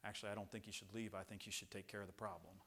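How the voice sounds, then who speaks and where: A middle-aged man preaching a Baptist sermon in a church, swinging from loud passionate highs to low hushed lines and often repeating and restarting words. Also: flat delivery, rapid-fire. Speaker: pastor. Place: church sanctuary.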